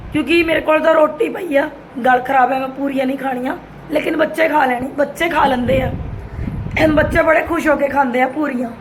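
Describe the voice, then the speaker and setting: A middle-aged woman with an Indian Punjabi accent and a sore, hoarse throat, chatting casually as she narrates a daily family vlog. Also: high-pitched, slight background noise, poor audio. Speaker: family vlogger.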